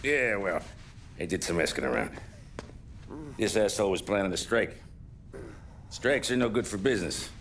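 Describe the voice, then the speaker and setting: An actor playing a smug, menacing rival mob boss who talks in a low-key, intimidating way. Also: male voice, sing-song, moderate pace, pauses often, a bit bright, slight background noise.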